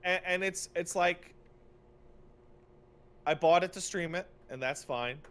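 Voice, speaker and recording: A podcast co-host who also streams games rants casually and comedically about games, sounding exasperated and emphatic and stretching words for effect. His voice sits high with a fairly bright, clean tone, and he speaks a little slowly.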